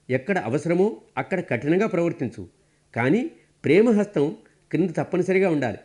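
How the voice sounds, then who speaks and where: A man's voice: a little high, dark tone. Man giving an earnest spiritual discourse. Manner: earnest, measured teaching with parables. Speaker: meditation teacher.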